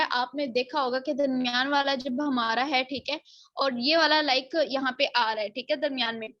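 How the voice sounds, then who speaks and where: A woman's voice: high-pitched, fairly bright tone, dry recording. A woman explains a plan in a casual lesson, often asking rhetorical questions and checking "okay?". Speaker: presenter explaining a marketing plan. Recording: dull, slightly lo-fi dry recording.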